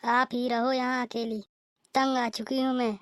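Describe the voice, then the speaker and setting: A woman's voice: a little high, little pitch movement, measured pace, no room sound, clean studio sound, lightly acted. A woman voicing a defiant, fed-up young daughter-in-law in a cartoon. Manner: sharp, complaining. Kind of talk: cartoon voice acting.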